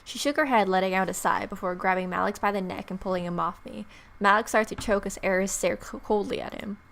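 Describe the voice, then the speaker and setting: A young woman hosting a let's-play reads the game's narration aloud expressively, her voice medium-pitched, brisk, gravelly, and a bit bright. She tosses in playful, casual reactions over game music.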